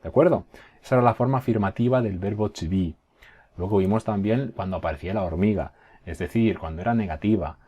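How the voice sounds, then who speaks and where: A male teacher giving a recorded class, patiently explaining and slowly modeling example phrases, often checking in with his students. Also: on the low side, mellow, slightly rough. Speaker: English teacher.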